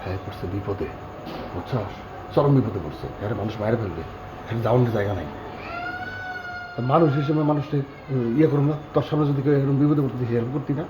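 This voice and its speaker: A man playing a hushed, pleading bachelor. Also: medium pitch, quick pace, long pauses, background noise, close to an everyday voice. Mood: hushed urgent. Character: bachelor hero hiding a foreign guest, a young man. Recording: echoey, dull-sounding room.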